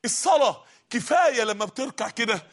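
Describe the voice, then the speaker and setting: A man preaching a fervent sermon in an Egyptian Arabic accent, exhorting his listeners and sometimes shouting. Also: extremely high pitch, animated, a little fast. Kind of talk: impassioned sermon.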